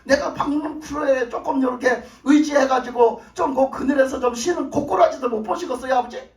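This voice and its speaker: A man voicing a sulky, resentful male prophet who grumbles and complains loudly, in an echoey hall. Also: high-pitched, fast, faint music behind, close to an everyday voice. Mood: pleading. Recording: echoey church hall from a distance.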